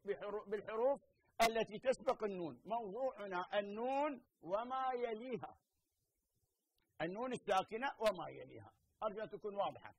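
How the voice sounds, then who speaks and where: A middle-aged man with an Iraqi Arabic accent teaching a televised lesson, explaining slowly, repeating points and checking that students understand. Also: sits high, slightly rough, rough recording. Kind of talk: televised lesson with phone-in questions.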